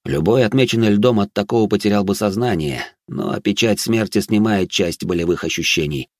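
A man narrates a fantasy novel in a steady, measured reading voice. His voice sits low, and the recording is dry and close, with no room sound. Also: no echo. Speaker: audiobook narrator.

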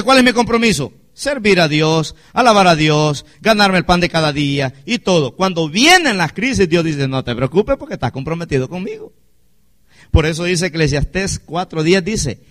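A man's voice: a little high, a bit bright. A male pastor, preaching a sermon with rhetorical questions to his congregation.

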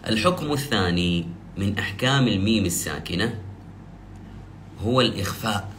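Low-voiced man teaching tajweed. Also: expressive, fairly bright tone, slight background noise. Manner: explains slowly, then recites examples drawn out. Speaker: Quran recitation teacher. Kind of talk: tajweed lesson.

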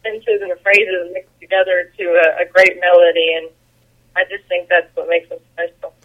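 A woman's voice: on the low side, little pitch movement, moderate pace. A woman heard over the phone, chatting casually with her brother and reminiscing in an easygoing way, with fillers like "like" and "I mean". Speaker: guest, host's sister. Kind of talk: casual chat. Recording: tinny phone line.

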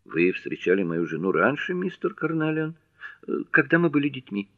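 A man's voice: medium pitch, big pitch swings, normal speed, lo-fi sound, voice pushed up, close to an everyday voice. A man voicing a stiff, irritable Victorian wife who speaks curtly. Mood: snappish.

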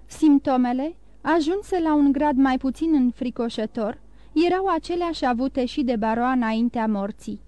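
Woman narrator, high, mellow voice, steady audiobook reading, dry close sound. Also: dry recording.

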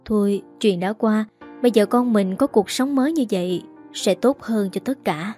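A woman voicing a worried, gentle middle-aged mother. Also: medium pitch, normal speed, soft background music, natural voice.

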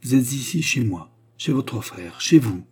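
A man's voice: mid-range voice, lively intonation, unhurried, breathy edge. A man voicing a compassionate young count. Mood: tender. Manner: emotional, tender.

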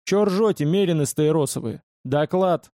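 A feisty young woman army doctor from an audiobook war story, scolding her commander sharply and indignantly, as a male narrator puts her on. Her voice sits well above his own, with a dark, mellow tone and a dry, close sound. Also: a little high, moderate pace, no room sound, close to an everyday voice. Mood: bossy.

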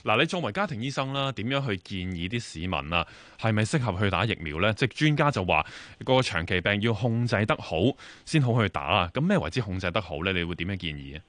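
A man with a Hong Kong Cantonese accent hosting a radio phone-in show, talking briskly and filling his sentences with particles. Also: fairly low pitch, sing-song, fairly bright tone, no echo. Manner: brisk, many filler particles. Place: radio studio.

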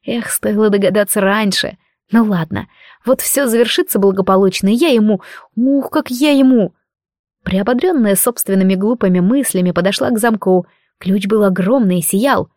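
A woman reading a first-person fantasy story aloud with expressive, emotional delivery. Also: mid-range voice, no room sound, clean studio sound. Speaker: audiobook narrator.

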